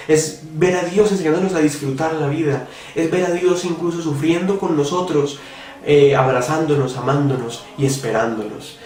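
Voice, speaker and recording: A man's voice: a little high, a little mellow, far from the mic. A man giving a devotional reflection, talking earnestly and asking the listener direct questions. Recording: roomy echo, voice from off the mic, faint music.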